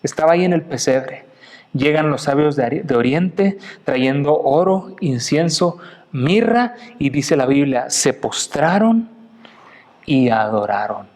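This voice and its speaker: Man from Mexico, preacher; lively sermon delivery with pointed questions to listeners, slightly raised pitch. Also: a little slow. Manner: animated preaching, acting out quotes with big pitch swings; addresses listeners directly with questions.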